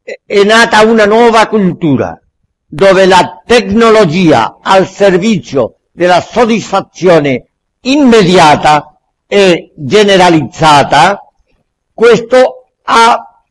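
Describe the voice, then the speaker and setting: A man giving a public lecture in Italian, haltingly searching for words and repeating phrases for emphasis. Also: high voice, animated. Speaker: guest lecturer. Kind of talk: public lecture with questions and answers.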